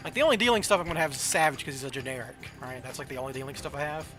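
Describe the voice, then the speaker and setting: Over soft background music, a Southern American man streams a card game, talking casually and questioning his own moves as he thinks out loud. He's from the southern United States, and his medium-pitched delivery races along with a bright, forceful tone.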